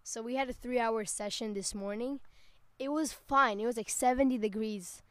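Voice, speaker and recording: A woman's voice: on the high side, normal speed, a bit bright, dry recording. A young woman co-hosting a casual podcast, rambling with lots of "like" and stopping to correct herself. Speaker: podcast co-host. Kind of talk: casual chat.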